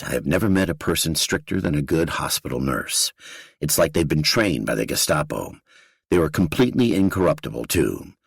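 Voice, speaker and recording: A man with an extremely low, gravelly, husky voice tells a first-person true crime story for an audiobook. His delivery is blunt and gritty, with casual profanity. The sound is dry and close, with no room echo. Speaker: audiobook narrator.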